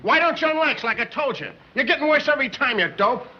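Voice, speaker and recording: A man's voice: extremely high pitch, animated, fast. An actor playing a bossy, exasperated man scolding the people he drills. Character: bossy shrill man coaching others. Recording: dull old 1930s film soundtrack, from a distance.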